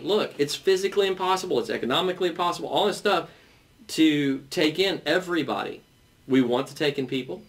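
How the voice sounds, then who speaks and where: A man's voice: mid-range voice, distant mic. A man hosting a panel debate, talking at length and often repeating and restarting his words. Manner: long-winded, stumbles and repeats words. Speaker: host.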